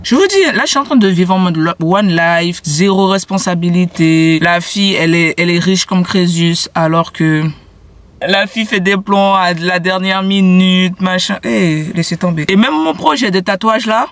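A woman's voice: lowish voice, moderate pace, no room sound. A woman from French Guiana, vlogging, chatting casually in a rambling, playful way. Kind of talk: casual chat with a friend and the camera.

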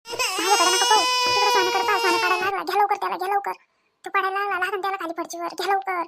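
A woman's voice: very high-pitched, level tone, very fast, very noisy. A woman voicing a protective young village mother who pleads tearfully. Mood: frantic. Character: protective young mother, suspicious then remorseful.

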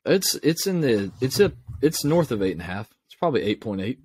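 A man's voice: medium pitch, very animated, fairly quick, darkish tone, slight background noise. A man, co-hosting a podcast in casual, enthusiastic, folksy chat. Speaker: podcast co-host.

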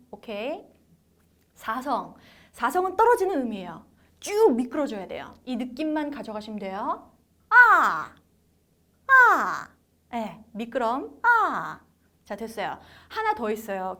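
A young woman teaching a beginner Chinese lesson, her pitch sitting high and moving a lot. She encourages learners and slides her voice up and down to show each tone. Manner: encouraging, demonstrates tones by sliding her voice up and down. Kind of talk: lively language lesson for beginners.

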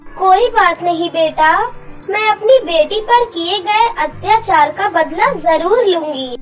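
A woman's voice: very high-pitched, slow, faint music behind. A woman voicing a loving magical mother in a cartoon story, tender but stern. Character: loving ghostly mother, gentle but vengeful.

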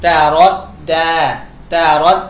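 Man teaching Quran recitation. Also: slow. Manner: recites a phrase, then explains pronunciation rules patiently. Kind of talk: step-by-step recitation lesson. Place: room at home. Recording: echoey room with faint noise.

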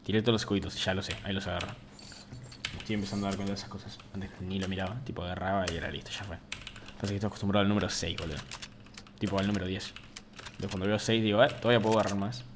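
A young Argentine man chats through a live game stream at his desk mic, reading viewer messages and bursting into loud excited shouts. Faint room noise and keyboard typing sit behind his voice. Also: low voice, rapid-fire. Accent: Argentine Spanish. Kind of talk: casual gaming stream commentary.

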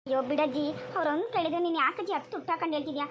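A woman's voice: high-pitched, very fast, a bit bright, a little hiss or hum. A woman voicing a blunt teenage granddaughter in a cartoon comedy, protesting and complaining. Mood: exasperated.

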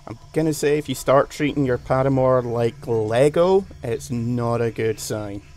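Man, gaming co-commentator, dry wry quips, medium pitch. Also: a little slow, a little mellow. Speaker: let's play co-commentator.

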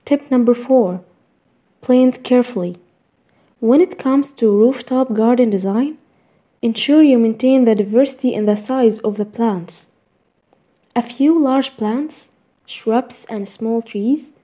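Slow, dark-toned woman narrator. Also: fairly high pitch. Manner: measured, even list-reading delivery. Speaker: narrator of a garden design slideshow. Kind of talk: scripted voice-over narration.

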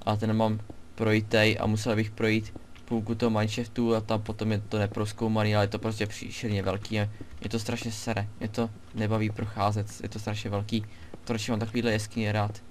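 A young man with a fairly low voice chats casually as he plays, narrating each move and talking straight to his viewers. His delivery is loose and conversational. A faint hiss sits beneath the recording. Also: monotone. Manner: chatty, talks to himself and viewers while playing. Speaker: let's play gamer. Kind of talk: casual gameplay commentary.

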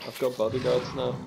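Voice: medium pitch, vocal fry, darkish tone, a little hiss or hum. A player in a multiplayer game session, joking with the group while acting as bait. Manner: slow, joking, quotes memes. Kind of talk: casual multiplayer gameplay chat.

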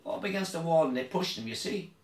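A man telling a mock-serious tall tale in a comedy sketch, earnest and deadpan. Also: on the high side, fast, echoey room, far from the mic, a little hiss or hum. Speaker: comedic tour guide playing a priest.

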